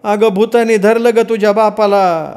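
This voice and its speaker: A man's voice: high voice, fairly even intonation, moderate pace, a little mellow, voice pushed up. A man voicing a devoted, frantic rural village wife who talks in rustic village speech. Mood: crying.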